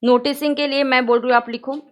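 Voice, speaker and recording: High-voiced Indian woman teaching class. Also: level tone. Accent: Indian English. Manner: dictating notes slowly, addressing students directly. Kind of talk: classroom lecture mixing Hindi and English. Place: classroom with students.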